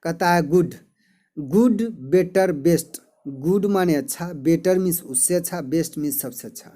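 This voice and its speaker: A middle-aged male teacher explaining a lesson slowly, repeating word forms like a drill. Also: on the high side, dark tone. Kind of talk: explaining an English lesson in Hindi.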